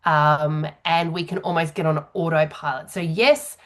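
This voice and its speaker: A woman working as a public speaking coach, explaining conversationally with frequent ums and mid-sentence pauses. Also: deep voice, steady tone. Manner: hesitant, filler-heavy, pausing mid-sentence as she explains.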